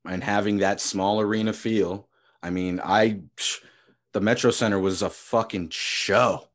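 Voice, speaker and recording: A man hosting a casual sports podcast who rambles in a relaxed way and swears freely. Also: lowish voice, a little slow. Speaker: podcast host.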